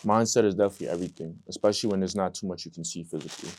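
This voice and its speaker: A man's voice: deep voice, racing, a little mellow, a little hiss or hum. A man hosting a casual interview, affirming and reflecting on his guest's story with lots of "you know" and "like.". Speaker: host.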